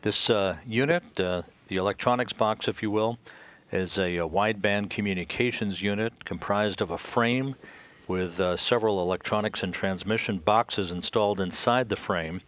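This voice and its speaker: An American man giving live technical commentary from mission control, in a measured, halting delivery full of uhs. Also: fairly low pitch, a bit bright.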